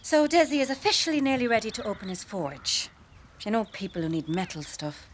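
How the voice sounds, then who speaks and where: An actress playing a cheeky, teasing young adult Irish daughter on a farm in a radio comedy. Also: female voice, mid-range voice, brisk, slight background noise, close to an everyday voice.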